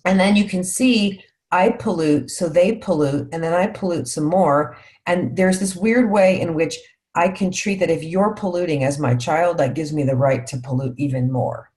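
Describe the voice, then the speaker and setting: A woman's voice: low-pitched, normal speed, a little mellow. A woman leading a parenting workshop, talking reflectively, often checking in with "right?" and posing guiding questions to her listeners. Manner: reflective, tags points with "right?". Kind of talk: guided workshop teaching.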